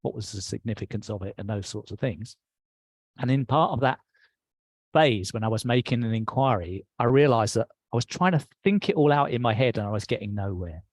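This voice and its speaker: A man's voice: mid-range voice, expressive, a little fast, no echo. Middle-aged English man, interview guest, mid-range voice, reflective storyteller, dry close recording. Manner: reflective, recounts with quoted dialogue. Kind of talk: personal storytelling.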